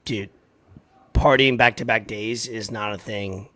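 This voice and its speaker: A man in his thirties with a raspy, hoarse voice, hosting a sports podcast in a halting, informal chat. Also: on the low side, fairly even intonation, fairly bright tone. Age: 30s. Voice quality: raspy, worn voice. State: hoarse from partying.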